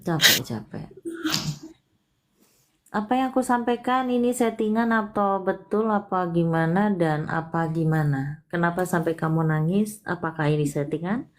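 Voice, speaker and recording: A woman's voice: on the low side, normal speed. A woman hosting a palm-reading live stream, speaking in a tender, coaxing way. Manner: coaxing, tender, calls the caller "sayang".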